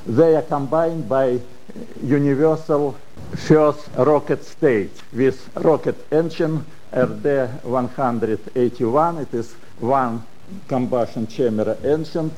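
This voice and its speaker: An older man with a Russian accent gives a prepared technical lecture in halting English with dropped articles. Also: mid-range voice, warm tone, poor audio. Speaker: conference speaker, space engineering professor.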